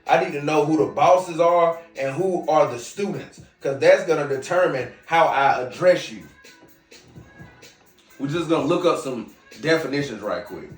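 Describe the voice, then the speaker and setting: A podcast host with a faint Southern US twang delivers a casual monologue from a hookah lounge, addressing his viewers directly in a brash, lecturing way. His voice sits on the high side and moves at a moderate pace. He's captured off-mic from a distance in a roomy space, with music playing behind him.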